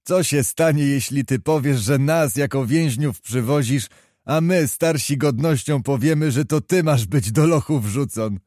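A man's voice: medium pitch, unhurried, a little mellow, dry recording, natural voice. Grave sardonic officer, cool delivery, by a male narrator. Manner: grave, dry mockery. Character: grave, mocking male officer, calm and cold.

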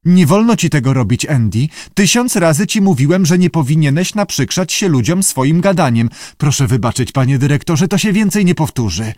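A man's voice: medium pitch, big pitch swings, a little fast, few pauses, darkish tone, dry recording, clean studio sound. A man playing an awkward, flustered male zookeeper who stammers apologies. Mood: pleading.

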